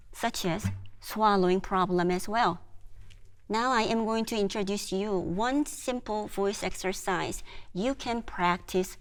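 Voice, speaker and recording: A woman, patiently leading a group through voice and breathing exercises as a music therapist. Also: mid-range voice. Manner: slow, patient coaching with demonstrated sounds.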